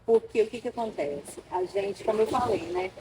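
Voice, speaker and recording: A woman from Brazil, an interview guest, telling an emotional personal story with animated storytelling and acted-out dialogue. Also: medium pitch, normal speed, noisy background.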